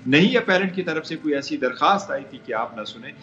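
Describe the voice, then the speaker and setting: A man's voice: on the high side, animated, fairly bright tone, roomy sound, dull audio. A male lawyer arguing as a guest on a live TV debate, insistent and repeating phrases as he makes his point.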